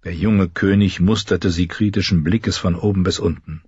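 Husky man reading a story, lowish voice, dry muffled lo-fi recording. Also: steady tone, moderate pace, darkish tone, dry recording. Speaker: audiobook narrator. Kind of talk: scripted narration.

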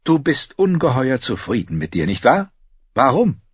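A male audiobook narrator voicing a proud, sharp-tongued noble queen in a raised, commanding voice. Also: mid-range voice, big pitch swings, normal speed, slightly rough, no room sound, lo-fi sound, voice pushed up. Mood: scornful. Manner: commanding, scornful, breathless when thrilled.

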